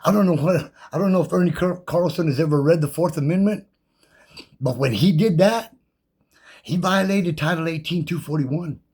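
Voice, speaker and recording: A man's voice: a little high, normal speed, a little mellow, slightly rough. A man delivering a combative, defiant monologue about his rights, slangy and profane, rattling off legal code numbers from memory. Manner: loose, repetitive, slangy and profane. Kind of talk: impassioned monologue rant.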